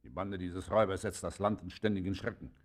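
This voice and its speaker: In a German radio play, a male actor portrays a pompous, officious district magistrate. His low, steady voice carries formal courtesy and measured bureaucratic authority, with a stern, officious mood.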